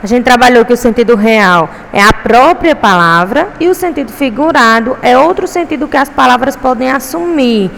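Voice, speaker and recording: A woman's voice: on the high side, lively intonation, moderate pace, gravelly, hardly any pauses, fairly bright tone. A woman teacher with a Brazilian Portuguese accent, giving a recorded lesson to pupils, patient and often checking in with them. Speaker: primary school teacher. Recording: echoey room with faint traffic noise.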